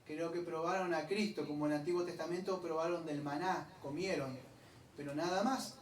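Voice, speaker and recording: A man, his voice pitched a little high, preaches a loose, chatty sermon that wanders into side stories and slows down to spell out Greek words. He sounds distant from the mic in an echoey church hall, with faint background noise. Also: steady tone. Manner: chatty, digressive, explains Greek words slowly. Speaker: pastor. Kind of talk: conversational sermon.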